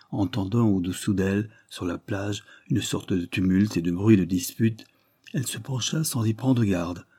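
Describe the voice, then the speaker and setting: A man narrating a classic novel in a steady, measured audiobook reading. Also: low-pitched, husky.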